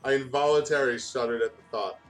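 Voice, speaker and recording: Steady in tone and fast, a medium-pitched man, a gaming video host, reads fan fiction casually, fumbling words and interrupting himself with comments. Music runs behind his voice.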